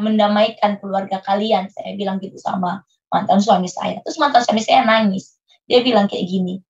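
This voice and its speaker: Woman telling her heartbreak story in an interview, acts out what everyone said, average pitch, kinda dull muffled audio. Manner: earnest, re-enacting her own past dialogue. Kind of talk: emotional personal storytelling. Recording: muffled lo-fi recording.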